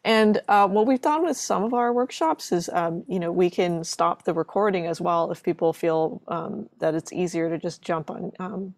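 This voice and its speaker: A woman's voice: lowish voice, moderate pace, few pauses, a little mellow, no room sound, studio quality. A woman moderating a live online webinar, chatty and welcoming, with many fillers. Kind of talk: casual live webinar hosting.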